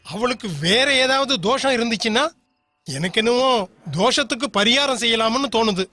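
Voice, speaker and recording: A man's voice: extremely high pitch, normal speed, bright, forceful tone. A man dubbing the role of a stern, worried middle-aged father in a dubbed family film drama. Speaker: father Kesavan, dubbed actor. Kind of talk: Tamil film dub. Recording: film soundtrack with music behind.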